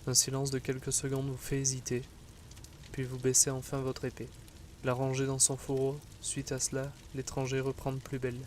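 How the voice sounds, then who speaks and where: A man narrates a fantasy adventure in a measured, solemn way. His medium-pitched voice stays very even throughout. Faint ambient noise runs behind him. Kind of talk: scripted second-person fantasy narration.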